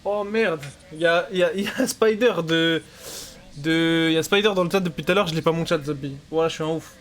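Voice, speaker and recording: A man's voice: fairly high pitch, a little fast, a bit bright. A young man streaming a survival game, cracking crude self-mocking jokes in casual banter.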